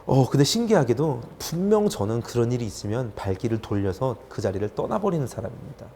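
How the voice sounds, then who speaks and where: Lively young male youth preacher. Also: medium pitch, quick pace, a little hiss or hum. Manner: animated storytelling, acting out his own quoted words. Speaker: youth pastor. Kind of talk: sermon.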